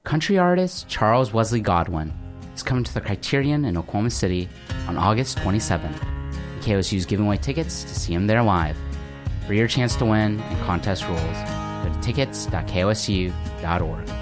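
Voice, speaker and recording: A man's voice: lowish voice, expressive, brisk, over music. A man with an American accent reading a scripted radio station promo.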